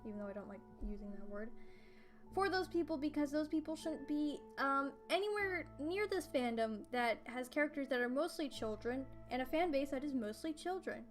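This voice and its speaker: A teenage girl talks to her livestream chat from her bedroom in a slightly high voice. She rambles with a steady stream of ums and little giggles. Faint game music plays behind her. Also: moderate pace. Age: teens. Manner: rambling, giggly, many fillers. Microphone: streaming desk mic. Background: game soundtrack music playing faintly.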